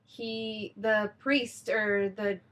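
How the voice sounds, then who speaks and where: A woman co-hosting a podcast in casual chat, reacting quickly and laughing along. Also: mid-range voice, little pitch movement, a bit bright. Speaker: podcast co-host.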